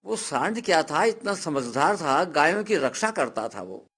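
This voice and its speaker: A man telling a devotional folk tale. He narrates dramatically and builds up to loud, cried-out passages. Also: a little high, big pitch swings, unhurried, husky. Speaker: storyteller.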